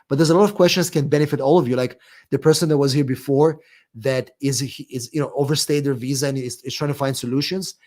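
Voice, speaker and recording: A middle-aged immigration attorney with an Israeli accent hosts a live stream, answering viewers' questions. His medium-pitched voice is relaxed and conversational, often pausing with fillers and restarting sentences.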